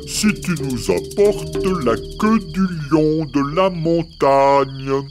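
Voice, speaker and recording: A man voicing a stern old grandfather baboon in a storybook, slow and bargaining. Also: fairly high pitch, music in the background. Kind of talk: storybook reading.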